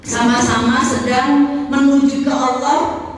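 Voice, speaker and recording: A woman's voice: high voice, flat delivery, measured pace, a little hiss or hum. A woman preacher giving a sermon in a chatty, teasing way, often speaking straight to the women listening. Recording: very echoey, distant hall recording.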